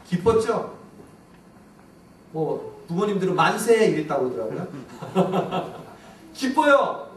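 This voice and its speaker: A male pastor preaching a sermon with emphatic rises on repeated lists, dropping low and soft on key words. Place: church sanctuary. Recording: echoey church room from a distance, faint background hiss.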